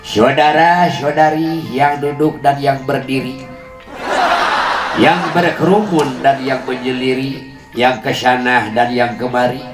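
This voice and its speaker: This Sundanese-accented show host and comic storyteller has a mid-range voice and a steady tone, delivering his rhymed, funny stories at a slow pace. He keeps things playful and chuckles while he talks. Music plays behind the echoey, amplified audio.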